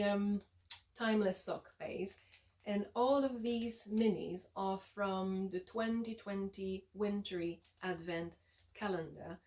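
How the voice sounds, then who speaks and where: A woman with a French Canadian accent, a yarn dyer giving a relaxed, chatty showcase of her shop's products with frequent ums and uhs. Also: mid-range voice, a little hiss or hum. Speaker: yarn dyer and shop owner.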